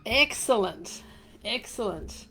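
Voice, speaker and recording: A woman's voice: mid-range voice, expressive, takes it slowly, vocal fry, bright, forceful tone, soft background music. Chatty New Zealand woman gushing over crystals. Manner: chatty and rambling, many fillers, gushing "fabulous" and "beautiful". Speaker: crystal and essential oil live-stream host. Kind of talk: casual live-stream chat. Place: home room. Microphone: desk microphone she turns around.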